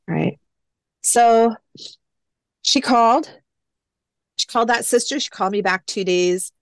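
A woman with a fairly high voice speaks unhurriedly, with no room sound. As an adoptee guest in a casual interview, she reflects on her story and retells past phone calls with quoted dialogue.

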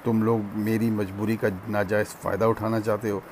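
A man reading the lines of a proud young woman who refuses a marriage, calm and dignified. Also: fairly low pitch, brisk, a little hiss or hum, lightly acted.

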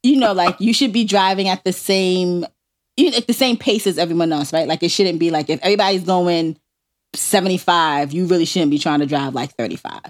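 A woman's voice: on the low side, a little fast. A woman co-hosting a podcast in casual, playful chat, laughing often. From New York. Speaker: podcast co-host.

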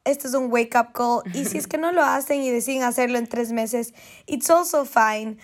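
This is a young woman in casual podcast chat, her voice sitting a bit high. She talks in a chatty, loose way and keeps slipping English slang into her sentences. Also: normal speed. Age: young adult. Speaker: podcast co-host.

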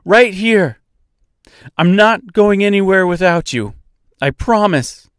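A man's voice: mid-range voice, lively intonation, very slow, no echo, studio quality. A man voicing Dorothy, a wary, determined young woman who calls out urgently or pleads nervously. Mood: calling out. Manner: raised, urgent calling.

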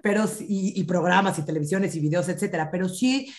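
A woman, a parenting expert, explaining child development in an animated podcast chat and acting out children's lines. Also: on the low side, a little fast.

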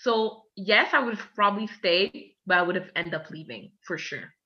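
A woman in her twenties from Canada, telling a candid personal story as a guest, chatty and animated, acting out the dialogue. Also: medium pitch, moderate pace, dull audio. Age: 20s.

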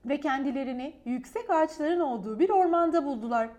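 A woman reading a children's story aloud in a gentle, expressive way. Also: high-pitched, fast.

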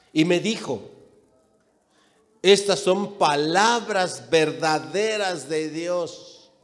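High-voiced preacher in a reverberant hall. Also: male voice. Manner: emphatic, repeats phrases, addresses the congregation directly. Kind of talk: sermon.

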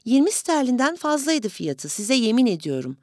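A courtly little old gentleman from a storybook, put on by a woman reading aloud, fussing and pleading with elaborate politeness. His voice is lifted a touch higher than the reader's own, in a dry, close recording. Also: sing-song, moderate pace, no echo. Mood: courteous pleading. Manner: overly courteous, fussy pleading.

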